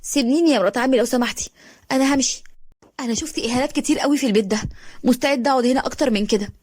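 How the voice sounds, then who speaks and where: A woman voicing a wronged young woman who grieves and speaks bitterly in Egyptian Arabic, her voice rising high in anguish. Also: very fast, darkish tone, dry recording. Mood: resigned.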